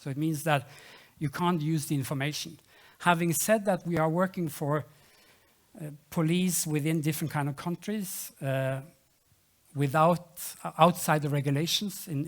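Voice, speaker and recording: In a halting manner, a startup founder presents a pitch and takes questions, often going back over and restarting phrases.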